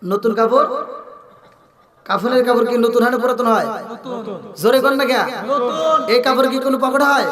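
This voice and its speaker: Male preacher, very high voice, sung and shouted sermon, heard from a distance. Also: normal speed, long pauses. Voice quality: melodic chanting delivery that swings between singing and shouting. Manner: asks the crowd questions for responses. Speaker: Islamic preacher. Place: large outdoor sermon gathering. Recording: echoey open-air hall sound from far off, faint music.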